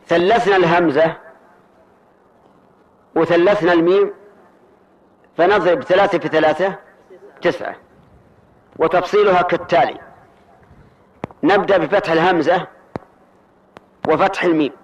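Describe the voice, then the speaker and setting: A man teaching a grammar lesson in a methodical way, repeating each word form slowly and checking that his students follow. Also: high voice, steady tone. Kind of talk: grammar lesson explaining a poem line. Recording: dull lo-fi lecture recording.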